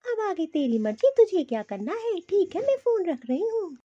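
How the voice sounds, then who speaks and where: A woman's voice: very high voice, big pitch swings, moderate pace, warm tone, lo-fi sound. A woman voicing a middle-aged mother who lectures her daughter in a cartoon, moralizing. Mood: lecturing.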